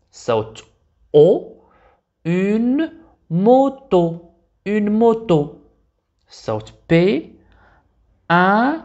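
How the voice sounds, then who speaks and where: A man with a Maghrebi Arabic accent gives a French pronunciation lesson. He talks at an unhurried pace, and he repeats each word slowly and with care. The recording sounds a little dull and lo-fi. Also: a little high, darkish tone. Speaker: French teacher.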